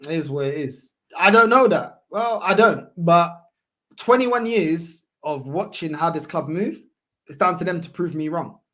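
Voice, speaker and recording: A man's voice: fairly high pitch, expressive, a little slow, sharp tone. A man with a London roadman accent chatting casually as a football livestream host, slangy and repetitive with emphatic phrasing. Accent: London roadman, multicultural London English. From London, England. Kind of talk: casual livestream chat, answering viewer comments.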